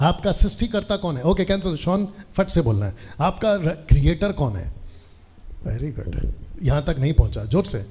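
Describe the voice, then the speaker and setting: A man's voice: fairly high pitch, very animated, normal speed, warm tone, husky. A man in his forties, a pastor, preaching a sermon to a live congregation, often calling on them to answer aloud together and slipping English phrases into his talk. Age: 40s. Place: church hall with a seated congregation.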